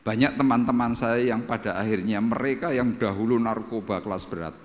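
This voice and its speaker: Javanese-accented pastor preaching in a reverberant hall. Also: male voice, fairly low pitch, brisk. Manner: lively storytelling, acts out quoted voices loudly. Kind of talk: sermon. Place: church service.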